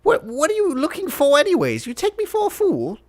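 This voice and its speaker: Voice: huge pitch swings, fairly quick. A game master putting on a cranky lord. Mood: irritated. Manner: irritable, exclaiming, pitch leaping high. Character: grumpy male noble woken at night. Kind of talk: tabletop role-play voice acting.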